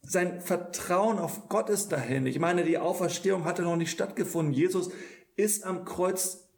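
A man's voice: high voice, moderate pace, gravelly. A man preaching a sermon in an earnest tone, often stumbling over repeated words as he restarts.

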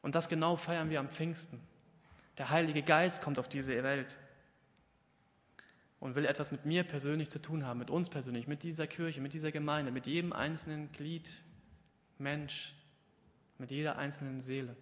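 A man's voice: a little high, fairly even intonation, normal speed, long pauses, fairly bright tone, big-room sound. A man preaching a Pentecost sermon in a church, talking conversationally, asking questions and answering them himself, and raising his voice to act out the biblical dialogue. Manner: acts out the biblical dialogue with raised, emphatic voice.

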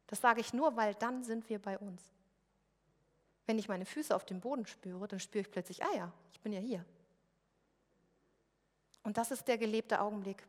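A woman's voice: medium pitch, in a large hall. A woman from West Germany preaching a sermon in a church service room, in a conversational, personal storytelling way.

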